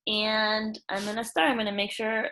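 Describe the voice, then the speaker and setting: Her mid-range voice is level, bright and pushed, at a normal speed, as this elementary school teacher informally walks pupils through a screen-share tutorial step by step, calling them "you guys."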